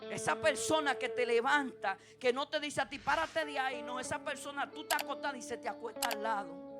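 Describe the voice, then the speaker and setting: Female preacher, high register, impassioned church sermon with music playing underneath. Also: brisk. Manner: impassioned, rising to emphatic peaks then dropping low and intimate; asks the congregation repeated rhetorical questions. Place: church service. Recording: preaching over background music.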